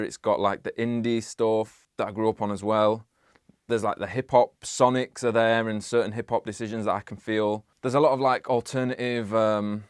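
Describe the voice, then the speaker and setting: A man's voice: medium pitch, clear, resonant tone, dry recording. A young man who makes music, talking casually about his process in his home studio, rambling with lots of "like". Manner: relaxed, rambling, many "like" fillers. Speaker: music producer. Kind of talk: casual studio vlog talk.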